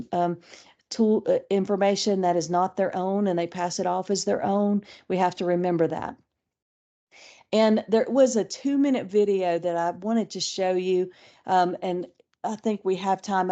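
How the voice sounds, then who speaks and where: Woman, webinar presenter for teachers: low, mellow voice, relaxed and chatty. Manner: easygoing, thinks aloud with frequent restarts. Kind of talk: conversational online training talk.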